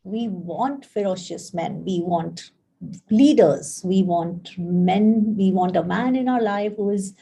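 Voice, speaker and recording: Mellow-voiced chatty woman life coach. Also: medium pitch, slow pace, vocal fry. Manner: chatty storyteller, acts out quoted dialogue; frequent fillers and restarts, friendly address to viewers. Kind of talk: live-streamed casual talk.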